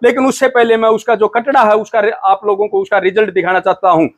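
Host, male, Indian, high-pitched, folksy farm-video presenter. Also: steady tone, fast. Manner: folksy, addresses viewers as brothers. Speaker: host of a buffalo farming channel. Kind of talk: casual farm interview.

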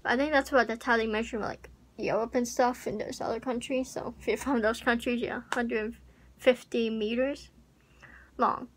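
Recorded close on a webcam at home, a young woman vlogs in a rambling, uncertain chat packed with fillers, her fairly high voice even in intonation and normal in speed. The YouTuber sits in a small pink bedroom; the audio is poor, with an audible AC hum.

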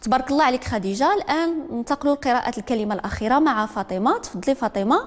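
A woman with a Moroccan accent teaching a literacy lesson, repeating each word slowly and calling on learners one by one. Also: high-pitched, animated, in a large hall. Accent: Moroccan Arabic. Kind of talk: broadcast classroom lesson.

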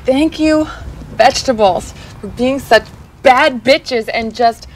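An actress playing a dreamy, offbeat hippie woman who speaks in a slow, drifting way. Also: sits high, a little hiss or hum, low-quality recording. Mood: reverent.

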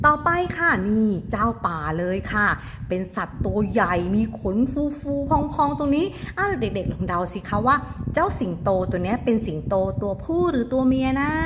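A woman's voice: a little high, background noise. A woman kindergarten teacher giving an online lesson, coaxing young children through words letter by letter in a sweet, patient voice. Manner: sweet coaxing teacher voice, ends phrases with polite "kha", spells letters aloud.

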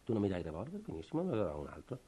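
An actor playing a desperate, worn-out middle-aged state official with a breathless, pleading manner, in 1950s radio drama. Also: male voice, low voice, wildly swooping pitch, racing, dark tone, breathy edge, heavily acted. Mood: ranting. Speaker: worn-out family man begging for a revolver.

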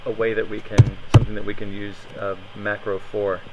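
A man's voice: lowish voice, completely flat delivery, a little fast, muffled recording. Man, live coding demo, hesitant, many ums, noisy room, keyboard clicks. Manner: hesitant, thinking aloud with many fillers. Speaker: meetup presenter. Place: meetup room.

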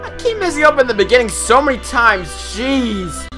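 Excitable young male gamer inside a closet. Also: very high-pitched, fast. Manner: exasperated, excitable outbursts. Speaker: gaming video host. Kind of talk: casual gameplay commentary. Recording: inside a closet, music behind. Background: game music.

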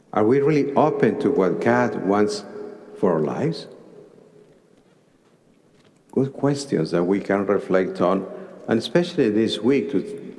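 A man in his sixties with a Mexican Spanish accent, an archbishop preaching a homily slowly in short deliberate phrases at a cathedral pulpit microphone. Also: fairly low pitch, darkish tone. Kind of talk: sermon. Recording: long cathedral reverb.

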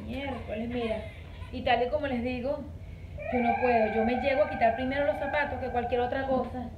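High-voiced, dramatic woman vlogging. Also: fairly even intonation, brisk. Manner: chatty, dramatic, exclamatory. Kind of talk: casual vlog chat. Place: at home. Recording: muffled with clear noise.

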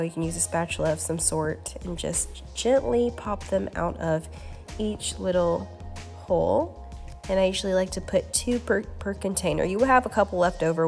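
A woman's voice: lowish voice, normal speed, vocal fry. Woman giving easygoing recipe steps. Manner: relaxed, instructive, easygoing. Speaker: cooking channel host. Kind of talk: recipe voice-over. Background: faint background music.

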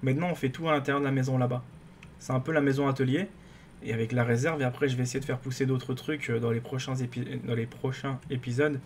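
Male gaming YouTuber, mid pitch, casual and excitable, rambles; faint noise floor. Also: fast talker. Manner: rambling, excitable, many fillers and restarts. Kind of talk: casual gameplay commentary.

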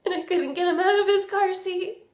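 A young woman acting a remorseful recovering addict in a dramatic monologue, halting and full of tragic sorrow. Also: on the high side, steady tone, a little mellow. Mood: anguished, tearful. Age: young adult. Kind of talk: dramatic monologue, naturalistic confession. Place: small indoor room. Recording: roomy echo.

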